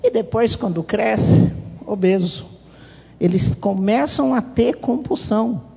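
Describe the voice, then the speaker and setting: Brazilian woman, middle-aged, husky and gravelly, animated speaker at a parents' meeting, long hall reverb, muffled. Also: fairly high pitch, slow pace. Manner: lively storytelling, acting out quoted dialogue. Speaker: mother and parent-association speaker. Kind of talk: public talk at a family meeting. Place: conference hall. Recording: reverberant hall, dull lo-fi sound.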